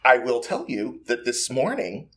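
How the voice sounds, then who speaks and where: A man in his thirties, a podcast cast member, telling animated stories and laughing often in a studio. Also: mid-range voice, unhurried. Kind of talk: casual chat.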